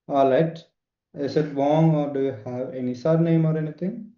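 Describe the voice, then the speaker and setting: A man's voice: on the high side, fairly even intonation, normal speed. A man acting as examiner, asking short formal questions in a speaking test. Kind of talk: interview questions. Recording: roomy, dull lo-fi sound.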